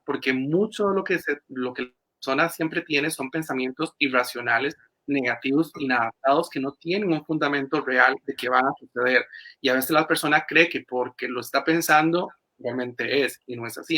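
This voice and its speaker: A man's voice: fairly high pitch, sharp tone. A man, a clinical psychologist explaining things in an interview with many fillers and restarts, over a video call. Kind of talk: interview answers.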